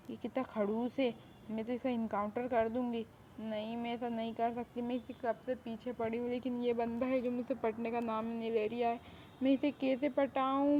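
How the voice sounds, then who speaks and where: A woman's voice: fairly high pitch, close to an everyday voice. A woman voicing a mafia boss's spoiled, lovesick younger sister who talks in a demanding, boastful way, in a fan audio drama. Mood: frustrated. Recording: tinny phone-like recording, faint hiss.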